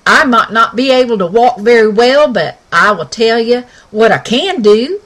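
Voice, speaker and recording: A woman's voice: fairly high pitch, expressive, normal speed, a bit bright, rough recording. A woman voicing a folksy young male cowboy pony in a storybook, with a drawling western manner of talk. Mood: earnest.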